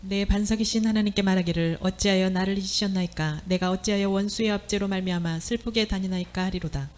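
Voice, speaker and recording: Female scripture reader, mid pitch, brisk even recitation. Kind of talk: reading scripture aloud.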